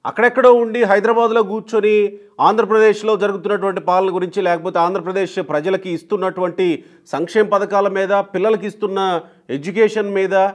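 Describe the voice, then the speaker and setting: A man's voice: high voice, fairly even intonation, fairly quick. Provocative male political interviewer. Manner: provocative, needling questions. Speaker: news channel interviewer.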